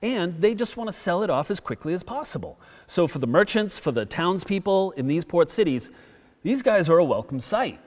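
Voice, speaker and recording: A middle-aged man lecturing in a town hall, his voice sitting a little high for a man. He tells the history as a lively story, and the sound rings with long hall reverb. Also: moderate pace. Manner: lively storytelling, acts out quotes. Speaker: guest lecturer.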